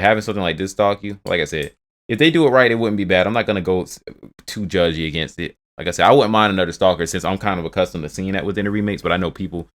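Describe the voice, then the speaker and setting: A man with a low voice reacts to news in a rapid stream of casual commentary. He swears freely, trails off and restarts his sentences as he goes. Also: a bit bright. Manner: rambling, profane, restarts a lot. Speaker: video host reacting to game news.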